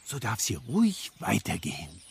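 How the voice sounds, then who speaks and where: A woman voicing a calm, kindly bear in a children's radio show, drawling slowly. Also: very deep voice, creaky, background noise, full character voice. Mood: gentle. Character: gentle, calm, slow-speaking bear.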